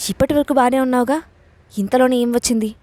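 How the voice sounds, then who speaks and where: A woman's voice: sits high, fast talker, dark tone, no room sound, close to an everyday voice. A woman voicing a feisty, defiant young woman. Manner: indignant, snapping back. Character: feisty young bride, defiant and hot-tempered.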